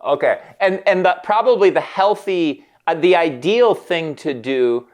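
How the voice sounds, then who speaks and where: A man's voice: fairly high pitch, animated, a little slow. Frank man explaining relationship patterns. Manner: explaining, frank, acts out quoted voices. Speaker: podcast co-host, therapist. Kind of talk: candid casual conversation.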